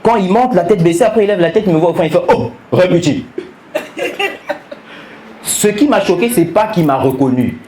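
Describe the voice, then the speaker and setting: A man performing stand-up comedy, telling stories in an animated way and teasing the audience. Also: high voice, fast, few pauses, a little hiss or hum. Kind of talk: stand-up comedy with crowd work. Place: comedy club stage. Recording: roomy club sound with live audience.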